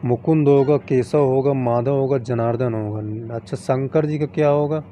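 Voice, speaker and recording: A man's voice: medium pitch, fairly even intonation, moderate pace, mellow, a little hiss or hum. A man teaching an exam-prep lesson, rattling off long lists of synonyms in set phrases and reminding students what to memorise.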